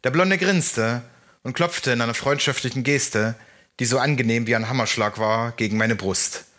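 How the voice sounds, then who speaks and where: A man reads a first-person story aloud at a measured pace, with a bright, forward tone. His pitch sits in a middle range for a man. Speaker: narrator. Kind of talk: audiobook narration.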